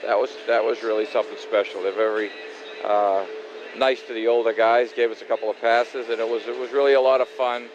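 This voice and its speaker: A man's voice: mid-range voice, little pitch movement, brisk. An older man in his sixties answers interview questions casually. He is modest and plain-spoken, with a mid-range voice. The recording is slightly dull with faint noise behind it. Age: 60s. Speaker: former college hockey player, interview guest.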